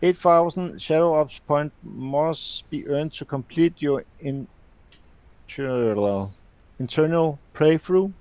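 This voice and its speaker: A man hosting a live show, reading game release notes aloud in a halting way with many fillers and restarts. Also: on the high side, lively intonation, a little mellow, dry recording, lo-fi sound.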